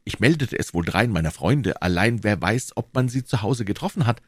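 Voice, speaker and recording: A man's voice: lowish voice, lively intonation, moderate pace, dry recording, studio quality, voice pushed up. A man playing a brave young swordsman. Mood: firm. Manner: firm and courteous. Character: young male swordsman, brave, honorable, polite.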